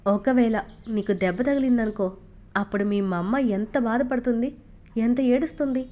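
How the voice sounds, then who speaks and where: A woman reading a novel aloud and voicing a patient father who gently soothes his little son. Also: fairly high pitch, fairly even intonation, a little fast, lightly acted. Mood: soothing. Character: calm, gentle father of young children.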